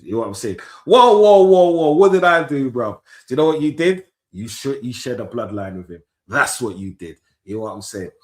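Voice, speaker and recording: A man, streaming commentary on a football match live. He talks in animated, slang-filled banter, swears often and breaks into shouts. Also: medium pitch, echoey room.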